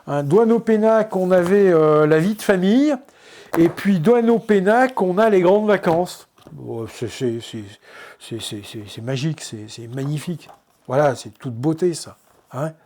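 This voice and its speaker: A photographer presenting his photo books in a casual show-and-tell, hesitant, with many fillers and restarts, often trailing off softly. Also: a little high, animated, measured pace. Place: indoors at his book shelves.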